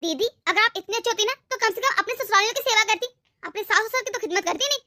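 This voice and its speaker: A woman's voice: extremely high pitch, fast, sharp tone, dry recording, clean studio sound. A woman voicing a hardworking, polite young daughter-in-law in a cartoon, weary and defending herself. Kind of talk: Hindi cartoon voice acting.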